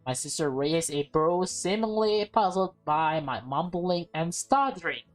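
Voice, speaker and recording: A woman who plays and streams games reads a visual novel aloud in a lowish, unhurried voice, reacting casually. She stumbles over lines and rereads them, with soft music playing in the background.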